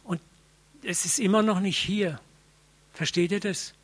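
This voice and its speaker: A male preacher with a somewhat high-pitched voice delivers a sermon. He talks in a casual, lively way, tells stories with everyday slang, and keeps turning straight to his listeners with questions. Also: unhurried, slightly rough. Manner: colloquial and lively, addressing the congregation directly; vivid storytelling with everyday slang.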